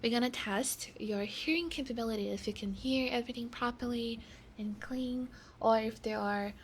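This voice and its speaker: A woman in a whispered role-play as a reassuring doctor, talking softly and slowly and often dropping into a whisper. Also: a little high, slight background noise, rough recording. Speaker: ASMR creator.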